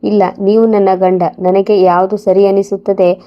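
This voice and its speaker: A woman voicing a gentle, patient young wife in a soft, steady, quiet way. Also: medium pitch, moderate pace, dull audio, lightly acted. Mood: calm.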